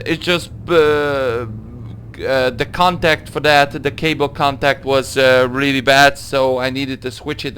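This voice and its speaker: A young man from Hungary with a Hungarian accent, answering viewer questions in a casual gaming Q&A, halting through his English with many fillers. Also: medium pitch, fairly bright tone, a little hiss or hum. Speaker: gaming video creator. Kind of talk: casual Q&A monologue.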